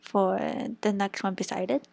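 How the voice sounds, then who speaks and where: A woman's voice: mid-range voice, flat delivery, moderate pace, gravelly, a little mellow. A young woman giving a casual tarot reading, chatting as she shuffles, thinking aloud and sometimes dropping to a whisper. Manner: chatty, thinks aloud, stumbles over crystal names, some whispered words. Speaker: tarot reader.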